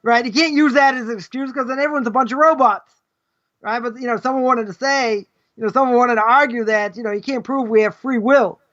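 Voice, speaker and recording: This live, conversational Torah lesson on ethics comes from a middle-aged rabbi who rambles, fires rhetorical questions, and tacks "right?" onto nearly every point. His very high-pitched voice is steady, fairly quick, and fairly bright, though the livestream audio is dull and lo-fi.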